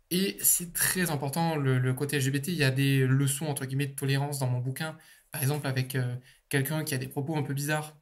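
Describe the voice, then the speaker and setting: In a medium-pitched voice, a young male author chats loosely through an interview, using lots of filler words and swearing now and then.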